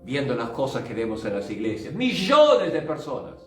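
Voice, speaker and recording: A man's voice: mid-range voice, huge pitch swings, moderate pace. An older male pastor giving a fervent sermon testimony, dropping in short English asides. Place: church. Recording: roomy church sound, distant mic, faint music.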